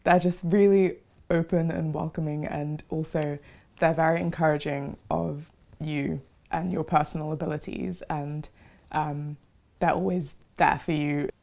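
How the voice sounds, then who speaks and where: A woman's voice: deep voice, steady tone, unhurried, creaky, darkish tone. A young woman from London, a university student who talks in a bubbly way and often laughs in an interview. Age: young adult. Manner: bubbly, laughs while talking. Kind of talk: casual interview testimony.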